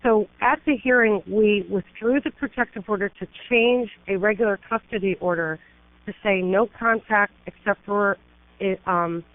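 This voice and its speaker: A middle-aged woman attorney phones emergency services in a mid-range voice at a moderate pace. Her urgent, pleading tone carries list after emphatic list of complaints, heard through a tinny phone line with no echo.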